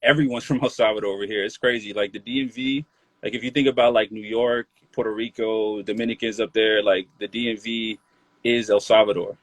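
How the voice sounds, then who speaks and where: In a dry, poor-quality recording, a late-twenties rapper from Maryland chats in a casual interview with a laid-back, loose manner, peppering his speech with "like" and "you feel me." His voice is on the low side, steady in tone and brisk.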